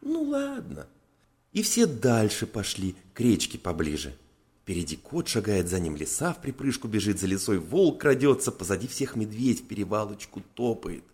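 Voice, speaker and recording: Expressive male storybook narrator. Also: fairly low pitch, normal speed. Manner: expressive, animated reading.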